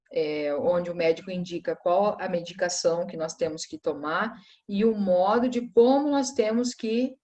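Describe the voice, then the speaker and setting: A woman's voice: lowish voice, a little mellow. A woman teacher walks her class through a recorded review. Her delivery is patient and explanatory, and she checks in with short tag questions as she goes.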